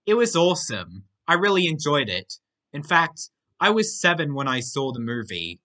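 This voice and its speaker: A young man hosts a casual question-and-answer video. His voice is very bright and sharp, and his pitch moves around a lot. He reads each viewer question aloud and answers it briefly and simply. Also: very animated, moderate pace. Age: young adult. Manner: reads out questions, then gives short plain answers. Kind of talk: casual Q&A monologue.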